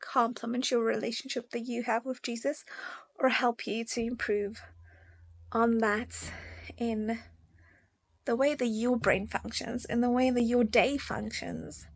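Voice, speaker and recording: A young woman speaks to her viewers in an unhurried, earnest way, taking her time between thoughts. Her voice sits a little high for a woman and carries a gravelly, fry-edged texture. She sounds gently encouraging, like a faith vlogger chatting to her audience. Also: steady tone. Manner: earnest and encouraging, slow with soft pauses. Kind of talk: casual devotional talk to viewers.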